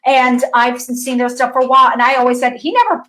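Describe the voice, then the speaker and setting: Animated woman teaching an online course. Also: sits high, fairly quick, rough recording. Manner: animated, talks straight to viewers, many restarts; reads messages aloud. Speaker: dance physical therapist and course instructor. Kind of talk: casual online course lesson.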